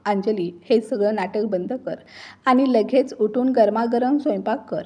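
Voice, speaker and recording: A woman's voice: a little high, unhurried, darkish tone. A woman voicing an angry, impatient husband who barks curt orders in a storybook reading.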